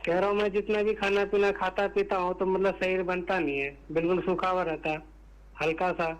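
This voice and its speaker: Fields: Sex: man. From: Bihar, India. Role: phone-in caller. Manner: halting, repeating himself. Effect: phone line breaking up, voice cutting out. Pitch: high. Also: level tone. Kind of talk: call-in health question.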